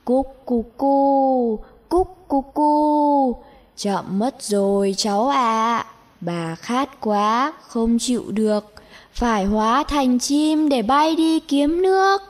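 Sorrowful old granny dove for a storybook, slow cooing delivery, a woman voices her. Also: a little high.

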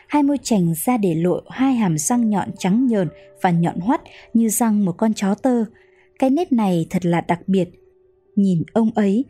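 A woman narrates an audiobook in a calm, measured way. Her voice is mellow and somewhat breathy. The recording is dry and close, with faint music underneath. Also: mid-range voice, no echo.

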